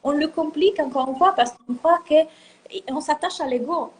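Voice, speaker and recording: A high-pitched woman from an Italian family speaks French, not her first language, as a guest coach in casual, motivational talk. She is earnest and emphatic, repeating words for stress at a moderate pace, with a little hiss or hum in the recording.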